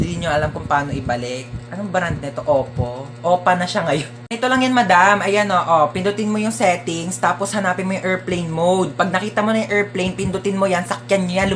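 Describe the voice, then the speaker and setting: A woman performing comic skits, playful and swinging between soft asides and loud outbursts. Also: on the low side. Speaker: comedy skit creator. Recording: music playing behind. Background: music.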